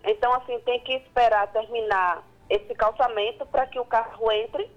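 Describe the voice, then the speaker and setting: A woman's voice: a little high, steady tone, moderate pace. A woman calling in to a radio show over a phone line that keeps cutting out, speaking affectionately to the host. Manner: affectionate, calls the host dear. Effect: breaking-up phone line. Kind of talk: call-in phone chat. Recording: muffled cutting-out phone call.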